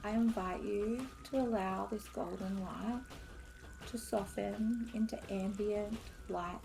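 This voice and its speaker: A woman leading a spiritual guided meditation in a soft, soothing, airy mystical-healer manner, with long pauses between short phrases. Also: medium pitch, steady tone, creaky, poor audio.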